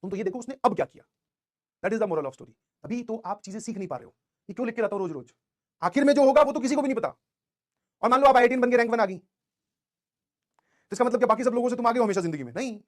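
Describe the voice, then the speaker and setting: A young man teaching a class of exam students, telling a motivational story in an animated way, with English phrases mixed in. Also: very high voice, fast, long pauses. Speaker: coaching teacher.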